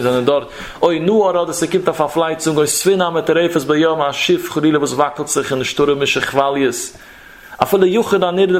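A man giving a traditional Talmudic lecture as a Torah teacher. He reads Hebrew passages in a sing-song study chant and explains them. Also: a little high.

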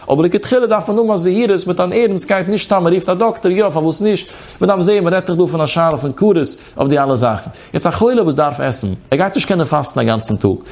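A man's voice: fairly high pitch, darkish tone. A man with a Yiddish accent giving a rabbinic lecture in a chanting sing-song study cadence. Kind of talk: Torah lecture on Yom Kippur fasting law.

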